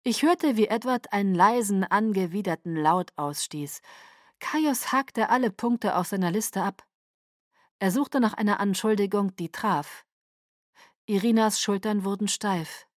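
A woman narrates an audiobook in a steady, even voice of middling pitch. Her delivery is scripted storytelling. The recording is dry and close. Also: a little slow, no echo.

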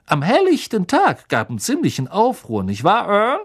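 An audiobook reader voicing an excitable, gossipy young male bus conductor who tells a story dramatically and keeps asking for agreement. The reader pushes the voice up and gives it extra force. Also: mid-range voice, normal speed, breathy edge, voice pushed up. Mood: gossipy, dramatic. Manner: dramatic, chattering, eager for agreement. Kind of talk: audiobook character voice.

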